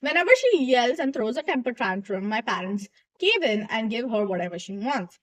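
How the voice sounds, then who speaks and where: A woman's voice: fairly high pitch, lively intonation, a little fast, low-quality recording. A young woman casually reading online posts aloud and stopping to add her own chatty asides.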